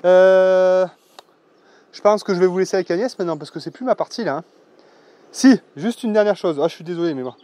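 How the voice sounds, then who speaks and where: A man's voice: high voice, fairly quick, warm tone. A man giving a casual, salty walk-and-talk vlog outdoors on rural land, talking loosely with many fillers and some swearing, into a mic with a foam windscreen. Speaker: vlogger showing his land.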